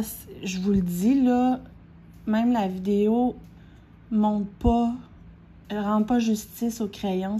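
Gushing Québécois woman unboxing, slow-paced. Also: medium pitch, dark tone, husky. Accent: Québécois French. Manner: gushing, with gasps, squeals and repeated exclamations. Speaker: diamond painting vlogger. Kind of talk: excited unboxing chat.

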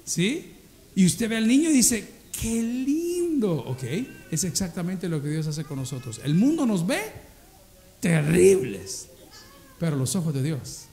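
Lively Salvadoran pastor preaching. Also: male voice, fairly high pitch, a little slow, gravelly. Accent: Salvadoran Spanish. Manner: lively, humorous storytelling that acts out dialogues. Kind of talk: sermon.

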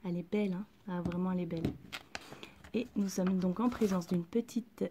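A woman chatting through a casual unboxing at home, gushing with excitement and often dropping to a soft whisper. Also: on the low side, a little fast, background noise. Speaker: vlogger unboxing collectible figurines.

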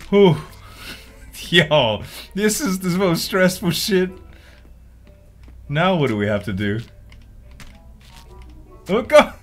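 A young man comments casually on a game he is playing. His speech is exclamatory and sweary, with lively pitch swings at an unhurried pace over faint music. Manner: exclamatory, swearing, laughs readily. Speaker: let's play gamer.

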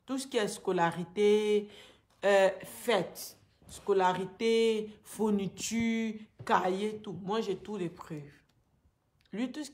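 A woman in her thirties with an Ivorian accent in her French, giving a halting, distressed and grieving personal testimony to camera. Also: mid-range voice, steady tone, a little mellow. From Ivory Coast. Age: 30s. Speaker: vlogger making a personal appeal. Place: small indoor room at home. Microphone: phone at arm's length.

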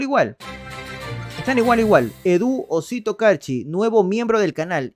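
A young man with a voice on the high side livestreams casual, sarcastic political commentary from a small indoor room. Speaking over a headset mic, he reads out poll figures and greets viewers.

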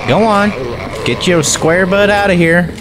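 A young gaming streamer with a high voice speaks a little slowly into a headset mic while playing a horror game, offering jokey, exclamatory let's play commentary. The background is noisy, with game music playing.

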